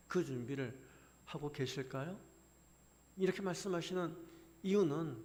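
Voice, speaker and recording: A male pastor preaching a sermon, peppering the congregation with rhetorical questions and pressing his points with mounting force. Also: on the high side. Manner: asks the congregation many rhetorical questions, building to forceful emphasis. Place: church sanctuary. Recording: long reverb of a church hall.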